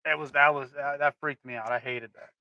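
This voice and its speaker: A man's voice: mid-range voice, fairly even intonation, a little fast, bright, forceful tone, dry recording, highs cut off. A man co-hosting a casual podcast chat, telling rambling stories with frequent restarts. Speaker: podcast co-host.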